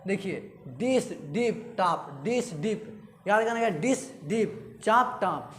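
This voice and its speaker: Guy teacher with a high voice going over grammar, keeps repeating, echoey room w/ light hiss. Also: expressive, slow pace, fairly bright tone. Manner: repetitive drilling, asks and answers own questions. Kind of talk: classroom lecture.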